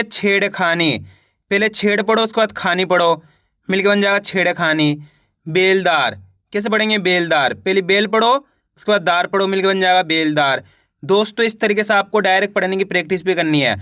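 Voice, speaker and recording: A man's voice: sits high, pushed and bright, dry recording, clean studio sound. A male teacher running a reading lesson, sounding out syllables one at a time, then saying each whole word and asking listeners to repeat after him.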